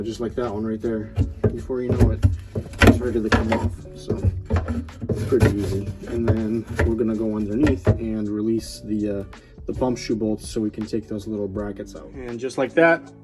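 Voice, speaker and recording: A man hosting a casual garage how-to vlog, talking in a relaxed, rambling way with lots of ums and uhs. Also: mid-range voice. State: out of breath at times. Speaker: garage channel host. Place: home garage workshop.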